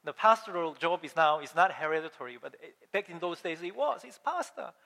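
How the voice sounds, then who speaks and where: Male pastor, sermon delivery, somewhat high and bright voice, emphatic and questioning. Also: brisk, creaky. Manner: animated, emphatic, asks the congregation questions. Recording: long hall reverb.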